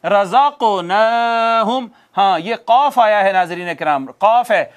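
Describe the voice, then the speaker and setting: High-voiced man teaching Quran recitation. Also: animated. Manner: quizzing students, drawling slow chanted recitation. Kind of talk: recorded tajweed lesson.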